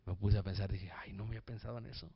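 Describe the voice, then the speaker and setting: A man preaching a lively sermon, joking with the congregation and calling them brothers. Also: fairly low pitch, very fast, breathy edge, dry recording, highs cut off.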